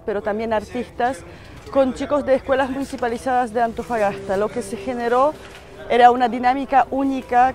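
A woman directing an art festival, speaking in a measured, reflective way in a documentary interview outdoors in the desert. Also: on the high side, darkish tone.

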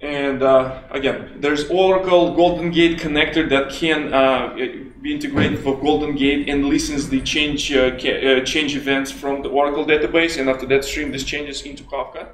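A man with a Russian accent giving a conference talk, halting with many restarts and fillers. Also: a little high, steady tone, slight background noise. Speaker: conference speaker. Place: conference hall. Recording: echoey hall from far off.

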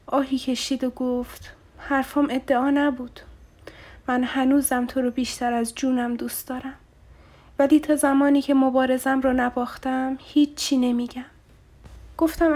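A woman's voice: sits high, a little mellow. A woman narrating a romantic novel as an audiobook, reading the dialogue with feeling. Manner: emotive, voices dialogue with rising intensity.

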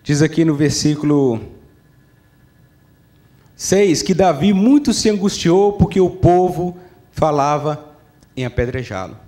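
High-voiced preacher. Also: male voice, lively intonation, unhurried, long pauses, mellow. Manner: emphatic, repeats phrases, asks the congregation "né? entendeu?". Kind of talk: sermon. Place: church service.

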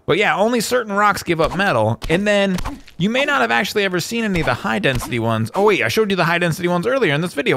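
A chatty man talking over his gameplay in a loose, rambling way, often stopping to correct himself. His voice sits somewhat high for a man and swings widely in pitch. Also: fairly bright tone, slight background noise. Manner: rambling, chatty, frequent fillers and self-corrections. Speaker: gameplay video host. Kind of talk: casual gameplay commentary.

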